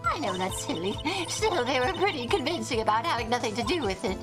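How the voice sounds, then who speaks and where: A woman doing a shrill gossipy old granny. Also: big pitch swings, brisk, music in the background. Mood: chatty. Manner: strained old-lady voice that scratches the throat. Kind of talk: reading a visual novel aloud.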